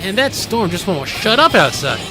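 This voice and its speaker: A man in his late twenties giving casual let's-play commentary, musing quietly and sometimes bursting out excitedly. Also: high voice, normal speed, music in the background. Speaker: gaming video host.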